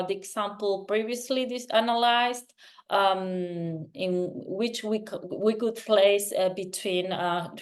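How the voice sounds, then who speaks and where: Woman giving an academic talk. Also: on the low side. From Argentina. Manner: measured, with frequent filler sounds and restarts. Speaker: researcher presenting a poster. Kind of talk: academic presentation.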